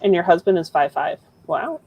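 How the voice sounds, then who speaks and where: A woman's voice: on the low side, very animated, normal speed, highs cut off, a little hiss or hum. A woman co-hosting a live writing stream, telling stories casually and laughing often. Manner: laughing, anecdotal storyteller. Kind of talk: casual chat.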